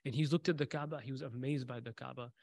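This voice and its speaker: A man's voice: medium pitch, steady tone, fast talker, vocal fry, a little mellow, dry recording. A man teaching a religious class who tells stories, repeats key phrases for emphasis, asks his listeners questions and recites short Arabic passages. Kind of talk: faith class talk with storytelling.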